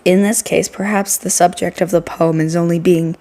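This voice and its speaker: A woman voicing a shy, formal, soft-spoken teenage girl from a game, polite and hesitant. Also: lowish voice, steady tone, normal speed, natural voice. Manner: hesitant, polite, self-deprecating.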